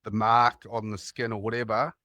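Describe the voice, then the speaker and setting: A man's voice: fairly low pitch, flat delivery, moderate pace, pushed and bright, no echo. A man from New Zealand with a New Zealand accent, calling in and telling rambling stories in a casual chat. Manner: rambling, anecdotal storytelling with laughs. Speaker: caller.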